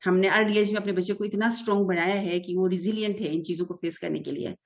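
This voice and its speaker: This middle-aged woman from Pakistan, an early childhood development specialist, answers an interview quickly and earnestly, hesitating briefly and using many English terms. Her pitch is medium and her intonation fairly even.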